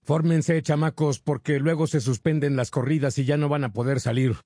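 An indifferent ticket clerk who barely looks up, voiced by a man. His delivery is slow, curt and warm-toned. The recording is dry and close. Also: fairly high pitch, fairly even intonation, dry recording, natural voice. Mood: offhand. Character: adult male bus clerk, gruff and indifferent.

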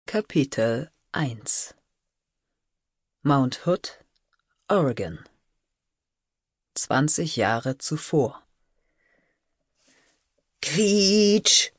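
Audiobook narrator, woman, low and husky, lively melody, dry close recording. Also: drawn-out words, long pauses, no echo.

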